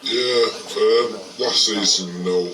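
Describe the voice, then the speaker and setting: A man giving a halting interview answer, his recording slowed down so the voice drags low. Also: bright, forceful tone, far from the mic, slight background noise, rough recording. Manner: halting, filler-heavy. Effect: slowed down, pitch dropped. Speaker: rugby player giving an interview. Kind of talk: post-match interview answer.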